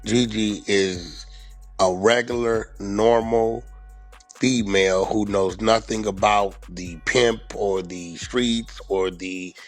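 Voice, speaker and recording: A man's voice: lowish voice, steady tone, takes it slowly, dry recording, soft background music. A man ranting profanely and boastfully, mocking others by acting out their voices.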